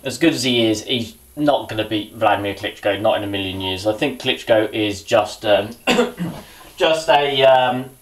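Talking boxing as he cooks, this male vlogger speaks a little slowly in a fairly low voice, rambling and muttering to himself in his small kitchen at home. The recording comes from the camera's own mic.

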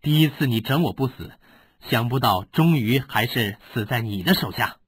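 A man's voice: mid-range voice, animated, normal speed, breathy edge, dry recording. A man voicing a bitter, cunning older swordsman who speaks with resentment.

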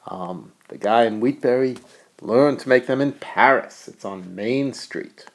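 A man's voice: mid-range voice, unhurried, gravelly. A middle-aged man, an economics professor, giving a recorded video lecture in a playful, jokey way. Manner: playful, animated, jokey asides. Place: US college.

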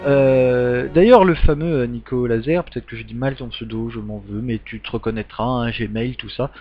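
A man's voice: mid-range voice, moderate pace. A man giving a casual update to his gaming channel's subscribers, rambling with many ums and restarts. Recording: dull lo-fi sound with faint music.

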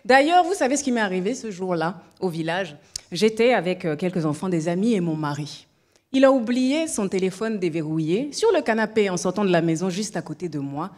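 A woman's voice: lowish voice, very animated, a little mellow. Playful theatrical woman from Cameroon. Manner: playful, theatrical, slow emphatic delivery. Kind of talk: comic speech to a minister on a TV show.

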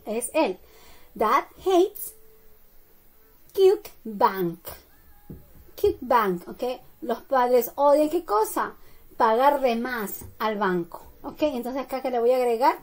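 A woman English teacher giving a slow bilingual classroom lesson, drilling each phrase and checking in with "okay?" and "right?". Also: high voice, a little mellow. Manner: slow, deliberate drilling with frequent "¿ok?" and "¿verdad?" checks.

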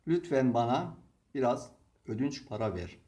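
A man teaching English vocabulary, reading each word and example sentence slowly and deliberately. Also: medium pitch, animated, mellow. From Turkey. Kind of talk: slow vocabulary lesson.

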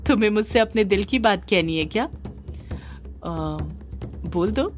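A woman's voice: mid-range voice, lively intonation, takes it slowly, faint music behind. A woman voicing a stubborn, lovesick young woman who pouts and pleads with the man she loves. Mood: coy. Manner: pleading, pouting.

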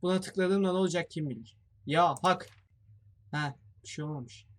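A man's voice: on the high side, normal speed, a bit bright. A young man giving let's play commentary on a horror game, jumpy and swearing as he thinks aloud to his viewers. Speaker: gamer playing a horror game.

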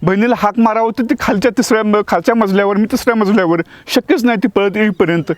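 Speaking quickly in a high voice with no echo, an acting teacher recounts a personal devotional experience as a story. He tells it vividly, performs the dialogue, and frequently restarts his words.

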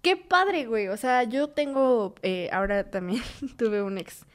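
A young woman with a Mexican Spanish accent, a podcast guest talking in a relaxed, reflective way with plenty of slang. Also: medium pitch, measured pace, clear, resonant tone. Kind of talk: casual chat.

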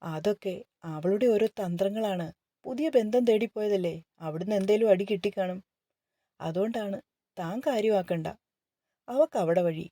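A woman's voice: medium pitch, moderate pace, long pauses, warm tone, close to an everyday voice. A woman voicing a devoted young husband. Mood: dismissive.

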